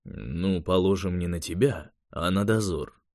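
Gruff older male mage in an audiobook, curt and grumbling, deep and hushed, close and dry, put on by the male narrator. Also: expressive, moderate pace, no room sound. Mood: displeased. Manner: curt, grumbling, low and quiet.

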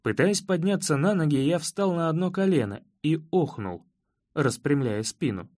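A man reading a first-person story as an audiobook narrator, in measured, evenly paced storytelling. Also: on the high side, lively intonation, a little mellow, no echo, studio quality.

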